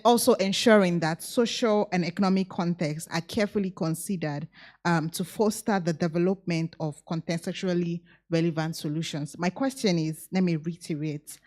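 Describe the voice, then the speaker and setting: A woman moderating a conference panel, asking a long formal question and restating it. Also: fairly low pitch. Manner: formal, repeats her question.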